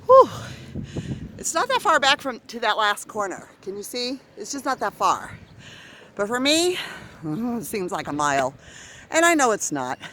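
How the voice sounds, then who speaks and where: A middle-aged Arizonan woman with a mid-range, slightly bright voice narrates her neighborhood walk for a vlog, holding a phone camera. She is breathless yet chatty and self-encouraging, with breathy pauses between phrases, and a little hiss or hum runs underneath.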